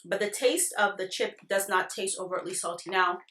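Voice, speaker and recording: A woman's voice: medium pitch, moderate pace, a bit bright. A woman giving a casual product review, chatting directly to her viewers in an informal way. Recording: echoey, roomy sound.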